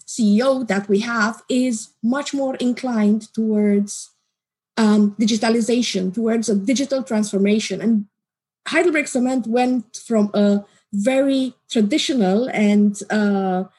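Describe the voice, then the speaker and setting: A woman, a guest in an interview, explaining her work in a measured way. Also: on the high side, warm tone, husky. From Romania. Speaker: guest, customer support team manager. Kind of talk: interview answers.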